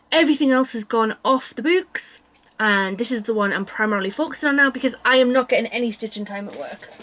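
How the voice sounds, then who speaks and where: A woman's voice: a little high, fairly bright tone. A woman chatting casually to camera as a craft vlogger, rambling along with frequent self-interrupting asides. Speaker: cross-stitch vlogger.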